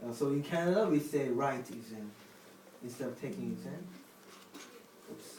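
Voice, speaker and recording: A man's voice: medium pitch, animated, a little mellow. Distant echoey man explaining words. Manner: halting, restarts, non-native phrasing. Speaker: vlog host explaining words. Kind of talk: casual explanatory chat. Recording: echoey room from a distance, faint noise.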